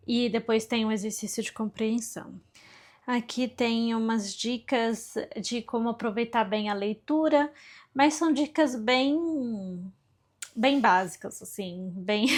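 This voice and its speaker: A woman chatting through her study session in a casual vlog, fairly high-voiced and unhurried. She muses aloud and pokes fun at herself as she works slowly through her exercises. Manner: chatty, self-deprecating, thinking aloud while reading Russian. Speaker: book vlogger.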